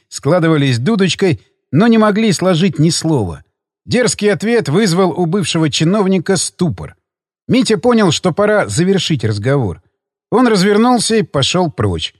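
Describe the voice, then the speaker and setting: A man narrating an audiobook in an expressive storytelling manner. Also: high-pitched, dry recording, studio quality. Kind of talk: scripted narration.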